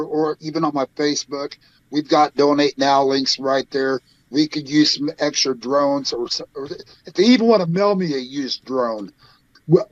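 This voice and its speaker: A man's voice: a little high, dry recording, muffled recording. A man from Idaho, a guest on a talk show, telling stories emphatically and acting out what people said. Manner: emphatic storyteller, quotes people in lively bursts. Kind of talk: remote interview guest.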